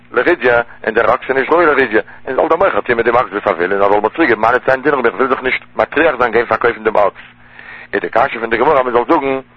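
A man, explaining a Talmud passage in a steady lecture style. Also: fairly low pitch, husky, no echo. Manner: steady explanatory delivery in Yiddish-inflected German. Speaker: Talmud teacher. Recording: dull lo-fi dry recording.

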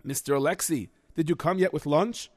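A man's voice: fairly high pitch, a little fast, darkish tone, no echo, studio quality, close to an everyday voice. A man playing a teacher who speaks patiently to a class of children. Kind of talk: children's comedy sketch.

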